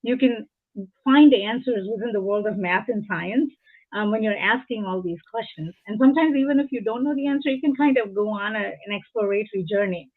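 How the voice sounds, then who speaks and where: A woman's voice: mid-range voice, fairly quick. A woman in her forties, from India, speaking as an interview guest in an earnest, reflective way, drawing on personal examples. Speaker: guest, engineering leader. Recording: tinny phone-like call audio.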